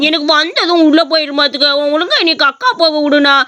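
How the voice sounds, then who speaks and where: A woman's voice: high-pitched, animated, quick pace. A woman voicing a timid little boy in a cartoon story, whiny and pleading. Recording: noisy recording.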